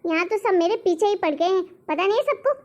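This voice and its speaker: A woman voicing a spoiled, lazy young married daughter in an animated story, talking back indignantly. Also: extremely high pitch, fairly quick. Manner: indignant, argumentative. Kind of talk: cartoon story voice acting. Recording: dull lo-fi recording.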